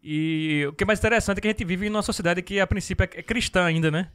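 A man from Brazil thinking out loud in casual talk. His voice is high and his pace quick. He keeps checking in with the others as he talks. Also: clear, resonant tone. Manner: reflective, leans on "né?". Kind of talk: casual chat.

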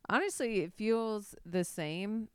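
Podcast host, woman, 30s, relaxed and easygoing, smooth and clean close-mic sound. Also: mid-range voice, takes it slowly, dry recording. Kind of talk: casual chat.

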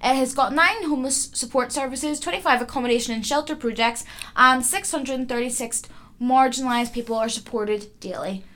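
A young Northern Irish woman co-hosts a casual podcast with a high, bright voice. She speaks with passion, stumbling and restarting as her feelings build up. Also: fairly quick, slight background noise. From Northern Ireland. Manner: impassioned, rambling with restarts. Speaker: podcast co-host.

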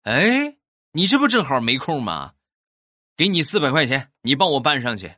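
A man voicing his pushy neighbor in a comic story, loud and brash. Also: mid-range voice, big pitch swings, moderate pace, no room sound, studio quality, pitched above the performer's own voice. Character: pushy male neighbor, cheerfully cheeky.

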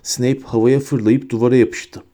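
A man narrating an audiobook with steady storytelling. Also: medium pitch, measured pace. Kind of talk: scripted narration.

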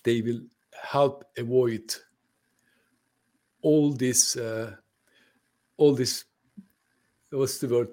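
He talks very slowly, leaving long pauses, in a steady, mid-range voice that is a little mellow. The man, Turkish by birth and native language, lives in the UK and owns a translation firm, and as a podcast guest in a conversational interview he comes across as friendly but hesitant, frequently restarting and filling gaps.

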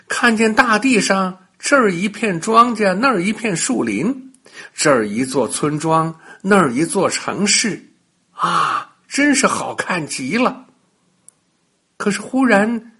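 An older man narrating a bedtime story for children in a lively, playful way, talking to the kids directly. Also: high voice, breathy edge.

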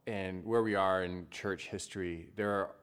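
A man's voice: sits low, fairly even intonation, measured pace, clear, resonant tone. A man, a Protestant pastor, talking in a casual discussion, thoughtful and hedging with fillers.

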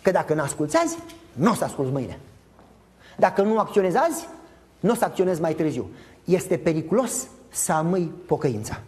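Man preaching with big swings in pitch, acting out lines and quizzing the congregation. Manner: animated, emphatic preaching with acted-out dialogue; addresses congregation directly with rhetorical questions. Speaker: pastor. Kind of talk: sermon.

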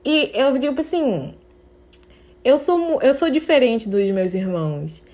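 A woman's voice: high-pitched, expressive, measured pace, darkish tone. A young woman talking candidly and emotionally on her podcast, at times close to tears. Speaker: podcast host. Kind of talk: personal confessional podcast.

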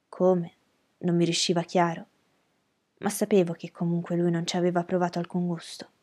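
A woman narrating an audiobook in a soft, quiet voice. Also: fairly low pitch. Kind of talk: audiobook reading.

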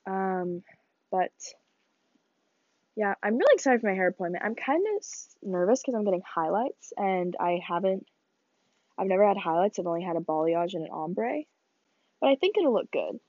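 Recorded in a small bedroom with no room sound, this solo podcast features a teenage woman talking in a chatty, rambling way, sniffly and coughing, laughing now and then. Her pitch is medium and a bit mellow, and the audio is dull.

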